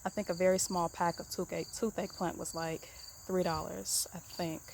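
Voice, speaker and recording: A woman walks through her outdoor garden, chatting casually about her herbs in a somewhat low voice. She rambles easily, filling pauses with "um" and doubling her words. Crickets and insects chirp clearly behind her. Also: slight background noise. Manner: relaxed, rambling, many ums and repeated "really, really". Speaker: home gardener giving an herb tour. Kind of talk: casual garden tour vlog.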